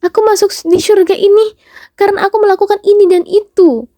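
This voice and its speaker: Brief: female preacher voicing a pleading male servant, pitched high above her own voice, indignant and insistent, in a storytelling sermon. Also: steady tone, mellow. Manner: indignant, pleading, rapid protest. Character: protesting male servant pleading against judgment.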